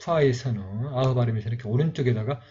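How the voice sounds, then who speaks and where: A man teaching how to write an old script, explaining calmly step by step with frequent fillers. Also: medium pitch, fast, lo-fi sound. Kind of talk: recorded writing lesson.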